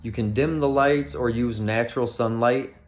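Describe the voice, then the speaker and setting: A man's voice: mid-range voice, steady tone, moderate pace. A man giving casual, instructional talk as a meditation teacher, speaking in an informal, plain-spoken way.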